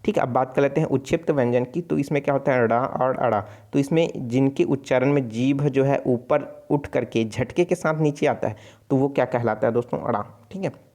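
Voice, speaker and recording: A man's voice: medium pitch, brisk, mellow. A man with a Chhattisgarhi accent teaching an online exam-prep class, explaining steadily, sounding out letters and correcting himself often. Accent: Chhattisgarhi Hindi. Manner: explanatory, repeats sounds aloud, frequent self-corrections. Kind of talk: casual spoken lesson.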